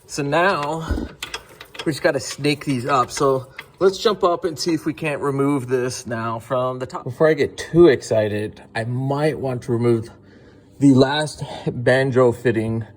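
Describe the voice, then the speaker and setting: Brief: young adult man, mid-pitched, easygoing how-to narration over faint shop noise. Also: measured pace. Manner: relaxed, step-by-step, frequent fillers. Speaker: car DIY video host. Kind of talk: casual how-to narration while working. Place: home garage workshop.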